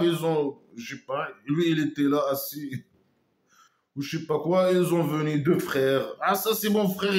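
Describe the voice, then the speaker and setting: A man talks through a casual critical monologue in a slightly raised voice. He sounds scornful and mocking and keeps hesitating with trailing asides. The recording is roomy with a clear echo. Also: fairly high pitch. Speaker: online commentator.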